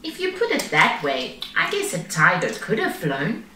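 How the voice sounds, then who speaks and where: A woman voicing a young grandchild in a high child's voice, in a storybook reading. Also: wildly swooping pitch, normal speed, pushed and bright, echoey room, distant mic, slight background noise, heavily acted. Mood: grudging. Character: young grandchild, reluctantly agreeing.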